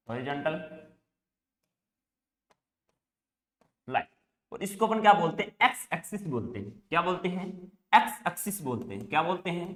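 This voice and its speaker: A man's voice: high voice, a bit bright. Echoey male teacher drilling a lesson. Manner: repetitive call-and-response questioning. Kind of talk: classroom math lesson. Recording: echoey room.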